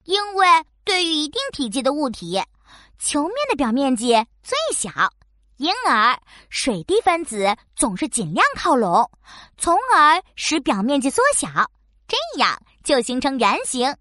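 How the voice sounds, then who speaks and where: A small, eager frog from a children's science cartoon. The frog voice is very high and bright, dotted with croaks, and recorded very dry. It explains things in a friendly, patient, little-teacher manner with lively swings in pitch. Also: female voice, unhurried, no echo, full character voice. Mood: explanatory. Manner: frog voice, punctuating talk with croaks.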